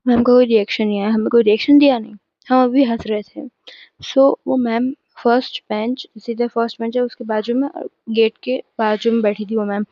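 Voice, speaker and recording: A woman's voice: on the high side, steady tone, normal speed, no room sound, muffled recording. Chatty teenage girl telling a story. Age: teens. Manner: chatty, emphatic retelling with frequent restarts. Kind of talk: casual storytime vlog.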